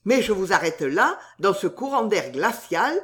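A woman's voice: mid-range voice, very animated, a little slow. Woman playing a flowery young gallant poet. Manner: grand, pleading declarations.

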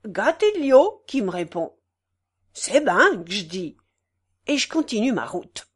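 A woman's voice: high voice, huge pitch swings, slow pace, sharp tone, pitched above the performer's own voice, exaggerated voice. A woman voicing a rustic male peasant who tells his story to a judge in a broad country dialect. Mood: rambling. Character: rustic male peasant telling a tale in court.

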